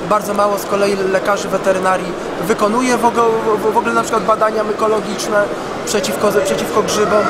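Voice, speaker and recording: Stammering man in a noisy hall. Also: high-pitched. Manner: stammering, many restarts and repeated words. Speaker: veterinarian. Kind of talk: on-camera interview. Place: large indoor exhibition hall with pigeon cages. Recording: loud hall background noise.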